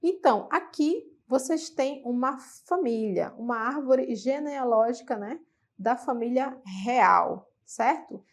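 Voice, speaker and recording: A woman's voice: on the high side, expressive, slow. A woman with a Brazilian Portuguese accent, teaching English vocabulary in a classroom lesson, checking in with frequent tag questions and repeating words for practice.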